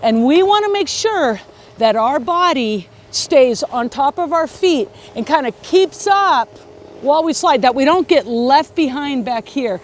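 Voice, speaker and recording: A woman's voice: sits high, lively intonation, a little slow. A woman teaching a beginner ski lesson outdoors, instructing step by step in an encouraging way and often checking in with short questions. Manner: frequent checking questions like okay and right. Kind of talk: hands-on beginner lesson talk. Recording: outdoor recording with faint background noise.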